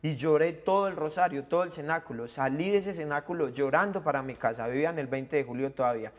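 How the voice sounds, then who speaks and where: A man's voice: a little high, fast talker. A young man with a Colombian accent giving an earnest personal testimony in an interview, acting out the voices of the people in it. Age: young adult. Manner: earnest storyteller, acts out the voices of people in his story.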